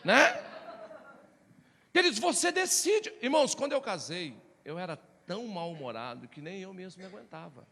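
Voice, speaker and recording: A man preaching a sermon as a pastor, telling personal stories in a lively, animated way and calling out to the congregation as brothers. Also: high voice, normal speed, vocal fry. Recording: reverberant hall.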